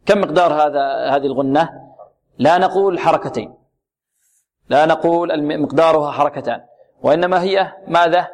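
A man teaching Quran recitation rules, drawing out words slowly and repeating syllables, asking and answering his own questions. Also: fairly high pitch, darkish tone. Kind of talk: tajweed lesson with recited examples.

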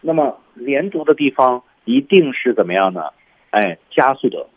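Male radio English teacher, lively, slightly husky, tinny broadcast sound. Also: moderate pace. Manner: lively, demonstrates lines with heavy stress and rising pitch. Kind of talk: radio language lesson.

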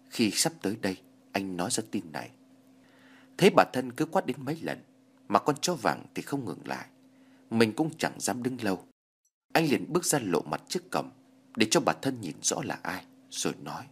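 A man narrates a horror story in a low, husky voice, his pitch rising and falling widely. He tells it in an expressive, dramatic way.

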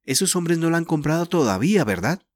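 A man's voice: fairly high pitch, sing-song, a little fast, no room sound, studio quality, voice pushed up. A man voicing an earnest teenage boy who speaks vehemently in a storybook. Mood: urgent. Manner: vehement, urgent.

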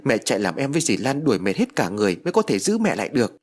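A man's voice: medium pitch, big pitch swings, very fast, darkish tone. A man voicing an alarmed adult daughter who speaks in an urgent, commanding way, in a spoken ghost-story audiobook. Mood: indignant.

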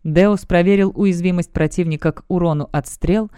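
A woman narrating a fantasy novel as an audiobook in an even storytelling delivery. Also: on the low side, moderate pace, clean tone, dry recording, studio quality. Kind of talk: scripted narration.

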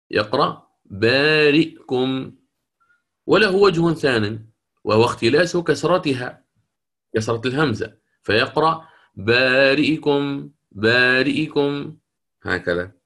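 Man teaching recitation in slow, drawn-out demonstrations. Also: medium pitch, a bit bright. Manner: explains rules then models words in slow drawn-out recitation; asks the class questions and answers them himself. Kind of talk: recorded lecture on Quranic readings.

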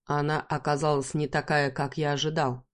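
A woman voicing a hot-headed, boastful bearded man who talks slowly with mangled grammar. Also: low-pitched, level tone, close to an everyday voice. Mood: sulky. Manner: mangled grammar, slow and drawling.

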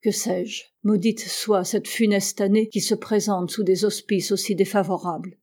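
A woman's voice: mid-range voice, fairly even intonation, normal speed, mellow, close to an everyday voice. A woman reading the lines of a proud, stern male ship captain in an audiobook, curt and severe. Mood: stern, bitter.

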